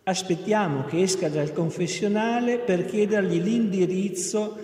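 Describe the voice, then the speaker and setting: A man's voice: high voice, measured pace, a little mellow. A man voicing a young woman student troubled by doubts of faith, speaking earnestly, in an echoey hall. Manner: earnest, pleading. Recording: echoey hall, long reverb.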